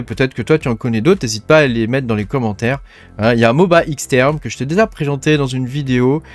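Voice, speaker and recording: Guy doing a laid-back tech tutorial, lots of fillers, soft music under it. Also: mid-range voice. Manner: chatty, informal, frequent "hein" and "tu vois" fillers. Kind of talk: casual screen-share tutorial.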